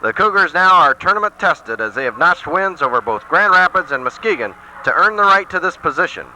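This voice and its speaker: Bright-voiced announcer on worn old tape. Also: male voice, on the high side, big pitch swings, fairly quick, poor audio. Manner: polished announcer delivery. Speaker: sportscaster and interviewer. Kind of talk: local broadcast play-by-play intro and interview. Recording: hissy worn 1980s videotape.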